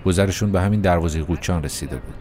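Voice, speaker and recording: A man's voice: low-pitched, darkish tone, lightly acted. A man doing a frail old shopkeeper. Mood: reminiscing. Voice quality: weak, thin voice. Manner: folksy, storytelling. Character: frail elderly man, a retired local shopkeeper.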